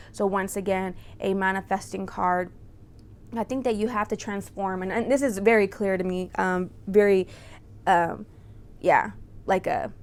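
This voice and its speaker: Creaky-voiced woman reading tarot, close-miked. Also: medium pitch. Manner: informal, chatty, often checking in with "right?" and "you know". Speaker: tarot reader and channel host. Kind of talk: casual tarot card reading to viewers. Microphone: close microphone.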